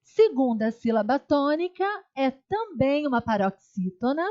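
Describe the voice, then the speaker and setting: Brazilian woman, higher voice, patient grammar teacher repeating key terms, slightly dull lo-fi lecture audio. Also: expressive, unhurried, warm tone. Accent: Brazilian Portuguese. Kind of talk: online exam-prep lecture.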